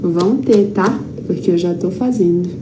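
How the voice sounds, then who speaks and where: Speaking at a moderate pace in a lowish voice, a Brazilian-accented woman teaches therapy through a loose, story-filled lecture. She repeats lines emphatically, performs the dialogue she quotes, and keeps a conversational tone over obvious background noise.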